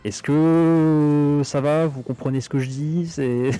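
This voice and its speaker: A man's voice: fairly high pitch, fairly even intonation, slow, dark tone, smooth, faint music behind. A man giving chatty gameplay commentary through an 8-bit bitcrushed voice filter, reacting to the game as he plays. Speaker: gaming streamer.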